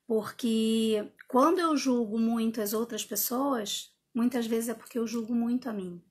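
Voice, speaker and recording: A woman's voice: fairly high pitch, unhurried, a little mellow, slightly rough. A woman coach giving a casual live talk. She explains with rhetorical questions and tag questions, and acts out her own inner dialogue. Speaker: personal development coach. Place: indoor room with a window.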